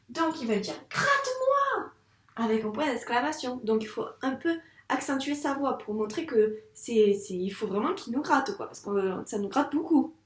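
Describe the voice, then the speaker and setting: A woman teaching reading to young children, speaking in a patient, encouraging, slow and careful way. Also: a little high, echoey room. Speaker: first-grade teacher.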